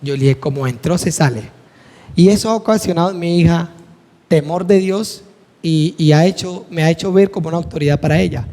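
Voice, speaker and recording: A man's voice: a little high, brisk, warm tone. A middle-aged man, teaching a church class earnestly and acting out the dialogue in his personal stories. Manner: earnest, acts out dialogue vividly. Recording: echoey hall with long reverb.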